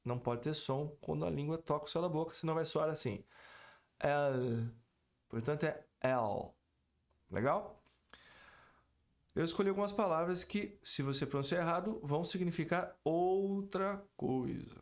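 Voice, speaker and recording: A man teaching an English pronunciation lesson, drawing out and repeating example words. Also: fairly high pitch. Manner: slow, drawn-out example words, repeated several times.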